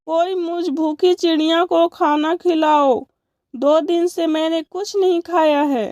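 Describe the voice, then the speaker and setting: A woman's voice: very high voice, steady tone, slow pace, a little mellow, dry recording, studio quality. A woman voicing a hungry, pleading old female bird in a cartoon story.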